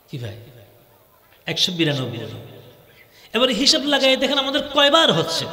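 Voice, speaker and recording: Bright-voiced male preacher in an echoing hall. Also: high voice. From Bangladesh. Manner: call-and-response with the audience, rhythmic repetition. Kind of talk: Bengali waz sermon. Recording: echoey hall with long reverb.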